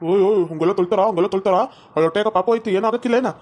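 Someone doing a blunt village man, rapid talker. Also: mid-range voice, darkish tone, natural voice. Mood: gruff. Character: rough young village man who protects the cross-dressing husband.

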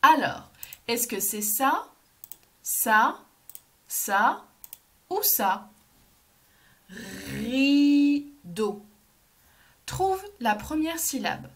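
A woman teacher, leading a phonics lesson for young children, slow and clearly articulated and encouraging. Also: fairly high pitch, big pitch swings, fairly bright tone. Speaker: kindergarten teacher.

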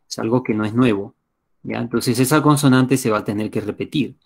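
Speaking fairly quickly with vocal fry in a mid-range voice, a man teaches English in a live online class over a computer microphone. He has a Peruvian Spanish accent, explains things patiently one step at a time, and keeps checking that his students are keeping up.

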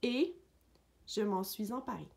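A woman reading a picture book aloud for young children, narrating gently in a dog's voice of first person. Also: medium pitch, measured pace, creaky, a little hiss or hum. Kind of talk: read-aloud storybook narration.

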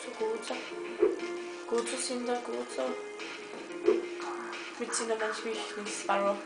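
A woman's voice: a little high, steady tone, unhurried, vocal fry. A young woman with an Austrian accent giving casual, informal gameplay commentary and swearing freely. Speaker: let's play host. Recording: roomy echo, game music behind. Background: video game music.

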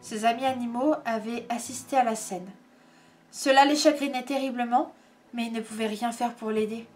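High-voiced woman reading a storybook. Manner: expressive, measured storytelling. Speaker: reader. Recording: faint background music.

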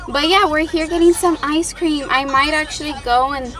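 A woman's voice: sits high, moderate pace, fairly bright tone, soft background music. A young adult woman chatting casually to camera as a family vlogger, recorded on a phone held at arm's length. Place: home living room, later inside a car at night.

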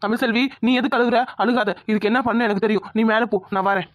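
A woman's voice: sits high, expressive, rapid-fire, fairly bright tone. A woman voicing a young man who pleads with his father and protects his wife. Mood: comforting.

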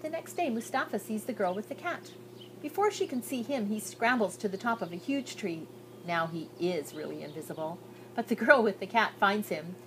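Background noise fills this outdoor recording of an older woman reading a children's picture book on a garden patio. At a medium pitch with lively intonation, a moderate pace and a fairly bright tone, she reads expressively, taking care to stretch out descriptive phrases.

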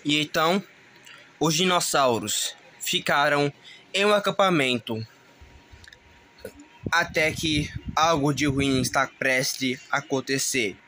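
A man's voice: a little high, slow pace, pauses often, a little hiss or hum. A man narrating a homemade toy-dinosaur movie in simple storytelling style. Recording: loud music underneath.

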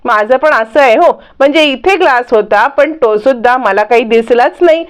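Woman doing a kind older mother-in-law, patient and reasoning, smooth clear voice. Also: sits high, moderate pace, close to an everyday voice.

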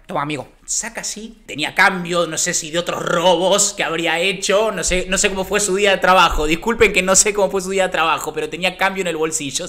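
A young man with a Rioplatense Argentine accent tells a comic personal anecdote. He acts out the other voices himself and swings from loud outbursts to hushed, mumbled asides. Faint music plays behind him. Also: high-pitched. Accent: Rioplatense Spanish. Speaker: storyteller.

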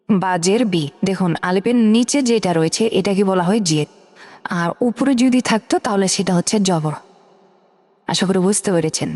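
A woman's voice: mid-range voice, darkish tone. Patient woman teaching letters in a hall. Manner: patient, repeats each syllable slowly. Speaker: Quran reading teacher. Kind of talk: step-by-step recitation lesson.

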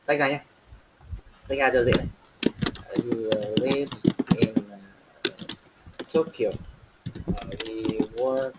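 A man with a slightly high voice runs an online pronunciation class, chatting loosely with fillers as he explains. He drills each phrase by saying it slowly again and again, and a faint hiss sits under his voice. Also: low-quality recording. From Vietnam. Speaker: English teacher.

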